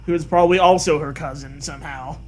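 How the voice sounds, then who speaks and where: A man's voice: fairly high pitch, fairly even intonation, fast, darkish tone, soft background music. A man reading a silly story aloud with sarcastic, wry asides. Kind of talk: comedic story reading with banter.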